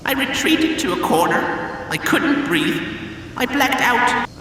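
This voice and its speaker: A man's voice: extremely high pitch, animated, unhurried, bright, forceful tone, full character voice. A man narrating as a haunted, guilt-ridden Pac-Man who has devoured the ghosts, telling the tale in a brooding, grim first-person voice. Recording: distant, echoey hall with faint hiss.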